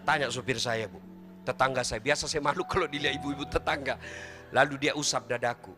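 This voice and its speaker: A man's voice: medium pitch, steady tone, a little fast, over music. A middle-aged man preaching a humorous sermon, teasing his listeners and speaking to them directly. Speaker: Islamic preacher.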